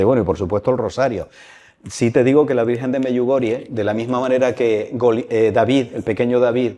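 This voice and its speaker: Brief: man, mid-pitched, joking folksy speaker at a youth gathering, long crypt reverb. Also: warm tone. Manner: colloquial, humorous storytelling. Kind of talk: religious talk.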